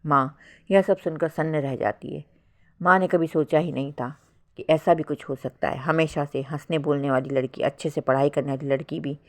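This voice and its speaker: Woman, storyteller, low voice, calm, measured narration.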